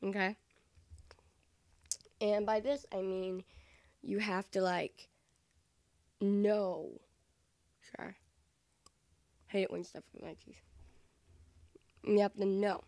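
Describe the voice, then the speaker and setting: A woman's voice: medium pitch, fairly even intonation, takes it slowly, pauses often, darkish tone, no echo. A woman vlogging casually into a microphone, goofy and rambling with frequent self-interrupting asides. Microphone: desk microphone.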